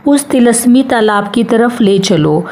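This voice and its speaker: A struggling hunter with a soft heart, voiced by a woman reading a storybook, talks in a slow, plain, reflective way. The pace is unhurried and measured. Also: fairly high pitch, animated. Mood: musing.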